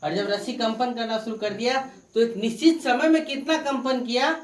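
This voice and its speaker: A fairly high-pitched woman tutor lectures a classroom, repeating each term and turning it into a question for the students to answer. She sounds distant from the mic in a roomy, echoing space. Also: normal speed. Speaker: science tutor. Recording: echoey room, far from the mic.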